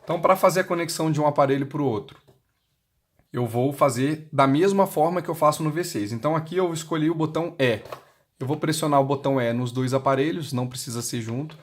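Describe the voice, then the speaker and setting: Talking fast in a fairly high voice, this Brazilian Portuguese-accented man demonstrates an intercom, walking through it step by step without a script in a plain, instructional way. Clicks and obvious noise mark the recording.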